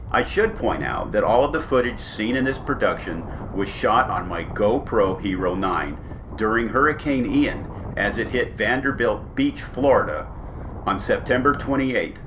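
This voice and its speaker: A man giving a scripted narration as a weather journalist reviewing gear. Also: lowish voice. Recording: clear background noise, storm ambience.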